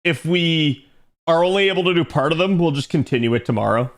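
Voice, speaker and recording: A man's voice: a little high, animated, brisk. A man hosting a live stream, talking through a game analysis in a casual, chatty way and speaking straight to his viewers.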